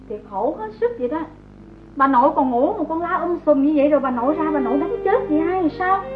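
An actress playing a humble, long-suffering young mother and servant who speaks meekly and pleads softly, in an old radio drama. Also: very high voice. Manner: meek and pleading, tender with the child. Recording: tinny, phone-like old recording with music.

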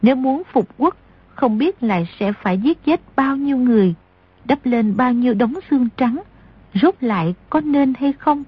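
Reading scripted narration, this female audiobook narrator keeps the story moving steadily at normal speed. Her voice is high, and the audio comes across a bit dull.

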